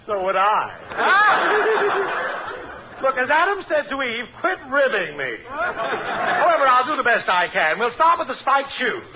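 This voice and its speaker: A man's voice: very high voice, sing-song, measured pace, pauses often, full character voice. A man playing a salesman who tells one-liners and laughs at his own gags in a 1940s radio comedy. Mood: jokey. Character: pun-cracking male salesman, fond of his own jokes. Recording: noisy dull 1940s radio recording.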